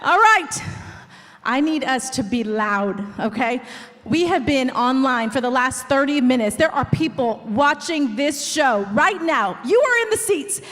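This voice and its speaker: Very high, bright-voiced excited woman host. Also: measured pace. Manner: energetic, cheering the crowd. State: a little out of breath. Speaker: event host. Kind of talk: excited live event hosting. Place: large school auditorium with audience. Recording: echoey hall with crowd.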